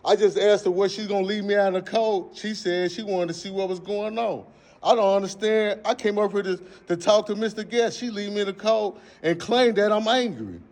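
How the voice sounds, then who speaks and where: A man's voice: high voice, fairly even intonation, fairly quick, darkish tone. A man who is a parent at a school entrance, recording on his own phone and insisting again and again in casual slang. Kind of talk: heated confrontation, self-recorded.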